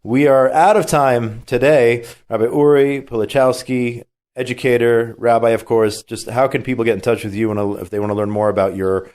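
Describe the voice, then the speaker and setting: Speaking at a normal pace with fairly even intonation, this man has a mid-range, slightly mellow voice. He's got a cold as he hosts talk radio, reading news and chatting opinionatedly with lots of fillers and restarts.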